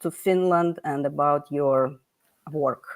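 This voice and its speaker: A woman's voice: sits low, takes it slowly, no room sound. A woman hosting a livestream panel over a video call, chatty, with many fillers and restarts. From United States. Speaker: livestream host.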